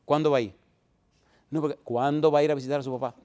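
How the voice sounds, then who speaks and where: A man's voice: fairly high pitch, steady tone, quick pace, dark tone, clear, resonant tone. A middle-aged male pastor preaching a sermon, firing repeated rhetorical questions at his congregation and building to emphatic peaks.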